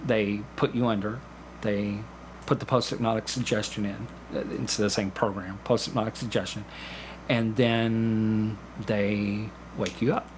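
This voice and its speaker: Speaking a little slowly in a lowish, steady voice, a man interviewed as a podcast guest explains his work as a clinical hypnotherapist and community actor. He keeps it conversational and acts out illustrative examples in quoted dialogue, with background noise in the recording.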